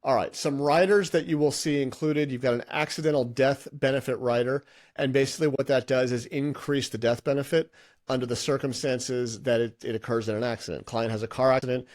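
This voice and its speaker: A man's voice: mid-range voice, fairly even intonation, brisk, darkish tone. A middle-aged man teaching an exam-prep lesson with slides, in a conversational way with many restarts and fillers. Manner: conversational, thinks aloud with frequent restarts and fillers. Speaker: licensing instructor.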